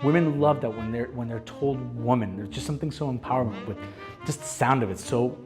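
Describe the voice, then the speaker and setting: A man's voice: mid-range voice, a little fast. A man in his thirties hosting a casual dating advice vlog, blunt and bro-ish, who keeps asking "okay?" and calling his viewers "guys". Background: faint background music.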